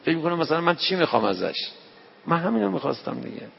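A preacher from Tehran, speaking with a Tehran Persian accent, gives a folksy, conversational night-prayer sermon and acts out the dialogue in his anecdotes. His voice sits on the high side, sing-song and creaky. The recording comes from an echoey, dull hall and has a slight hiss or hum.

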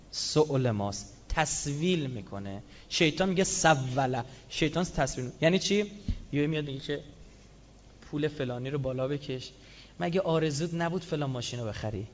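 A man delivering a lively religious sermon, switching between recited scripture and casual, joking asides. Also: sits high. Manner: animated, with Quranic quotes and colloquial asides. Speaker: religious speaker. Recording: slightly dull lo-fi sound.

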